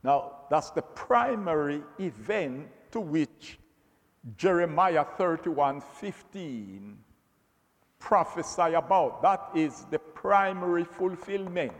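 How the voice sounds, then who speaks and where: A man teaching from the Bible in a slow, emphatic way, often repeating words as he builds his point. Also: on the high side. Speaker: preacher. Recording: long hall reverb.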